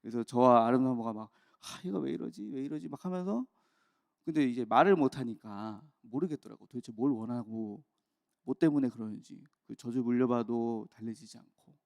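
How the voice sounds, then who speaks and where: A man in his thirties, a pastor telling a candid personal story in an early-morning sermon, with quick bursts and soft trailing asides. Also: medium pitch, dry recording. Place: church.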